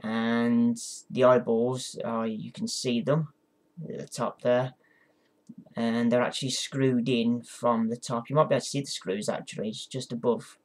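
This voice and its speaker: In his instructional vlog, a man who is an amateur ventriloquist talks casually, apologizing and hesitating but encouraging viewers along the way. He has a mid-range voice with a darkish tone.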